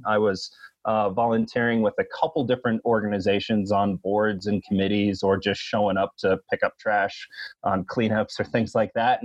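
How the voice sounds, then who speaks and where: A man's voice: lowish voice, dry recording. A man speaking as an interview guest over a remote internet call, explaining things conversationally. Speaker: podcast guest, nonprofit executive. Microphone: remote video call. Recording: dull lo-fi internet call, dry.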